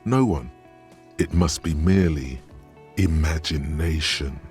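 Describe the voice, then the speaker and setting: A deep, solemn inner voice. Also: male voice, a little mellow, soft background music. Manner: solemn, slow, theatrical. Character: brooding male inner voice narrating a detective's mind. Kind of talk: video game voice acting.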